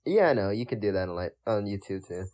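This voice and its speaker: A man's voice: on the low side, expressive, fast talker, darkish tone. A young man hosting a casual podcast chat over a voice call, hesitant, with many ums and laughs. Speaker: podcast host.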